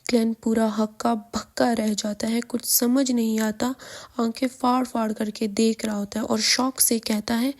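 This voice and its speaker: A woman's voice: fairly high pitch, flat delivery, a little mellow. A woman narrating a comic story recap in a chatty, casual storytelling way.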